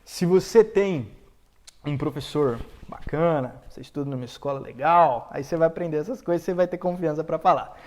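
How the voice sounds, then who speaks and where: A man with a Brazilian Portuguese accent teaching English on a live stream, quizzing viewers and repeating example sentences slowly. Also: a little high, darkish tone. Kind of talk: live-streamed language lesson. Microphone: camera setup for a live stream.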